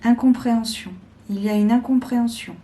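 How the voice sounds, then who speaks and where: A woman giving a slow, deliberate weekly tarot guidance, with frequent pauses and hesitations. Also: on the high side, steady tone, dark tone. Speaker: tarot reader.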